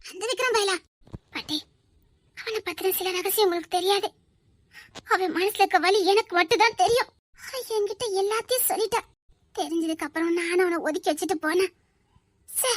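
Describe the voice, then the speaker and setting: A woman acts out a proud young woman in a family drama, speaking earnestly and defiantly in a Tirunelveli Tamil accent. Her voice is very high and bright, and the sound is dry and close. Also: no room sound.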